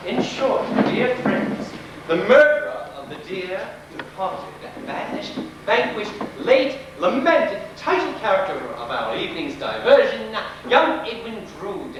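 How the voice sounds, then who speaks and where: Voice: medium pitch, sing-song. A stage actor playing a cheeky Victorian music-hall chairman, grandiose and teasing, bantering with the audience as master of ceremonies. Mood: mock-grave. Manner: grandiose, teasing, mock-stern, drawn-out alliterative delivery. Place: theatre stage with live audience behind. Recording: echoey theatre recorded far off, noisy audience.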